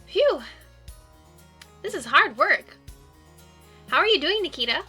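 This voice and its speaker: A woman's voice: very high-pitched, big pitch swings, slow pace, bright, forceful tone, soft background music, voice pushed up, full character voice. A woman voicing a cheerful, caring, bubbly young woman in a visual novel, with a perky, encouraging way of talking. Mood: upbeat.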